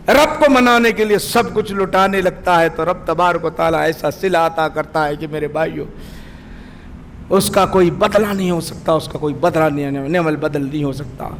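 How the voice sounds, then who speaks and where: Male preacher, high voice, impassioned sermon storytelling, long hall reverb. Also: a little hiss or hum. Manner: impassioned storytelling, often shouting at climaxes. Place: mosque.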